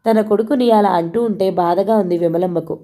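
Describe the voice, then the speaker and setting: A woman reads a novel aloud in a calm storytelling voice. Her tone is mellow and warm, never sharp. She keeps an even, mid-pitched delivery. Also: fairly quick. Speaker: audiobook narrator. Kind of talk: novel read aloud, voicing each character.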